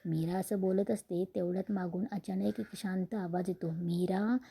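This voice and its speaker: A woman retelling a TV serial episode in a steady storytelling manner, with small restarts. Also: medium pitch, moderate pace, creaky, breathy edge.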